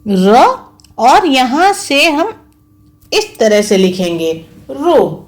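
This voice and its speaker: In this children's online Hindi class, the female teacher speaks with a lively, high-pitched voice. Patient and unhurried, she breaks every word into its individual sounds and syllables, repeating each one a second time.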